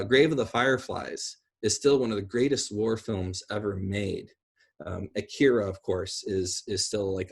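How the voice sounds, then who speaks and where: A man in his forties from a small rural town chats on a video call from a small room in his home. His voice sits on the low side and sounds husky, and he talks effusively and rambles in this casual discussion, captured through his computer.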